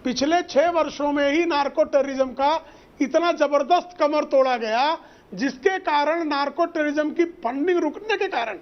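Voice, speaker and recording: Mocking man on a dull remote feed. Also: very high-pitched. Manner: combative, mocking his opponent. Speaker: ruling party spokesperson. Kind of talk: heated political debate.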